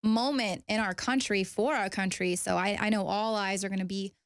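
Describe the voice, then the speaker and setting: A woman's voice: mid-range voice, fairly even intonation, normal speed, no room sound, clean studio sound. A woman presenting a news commentary segment in an eager, upbeat way.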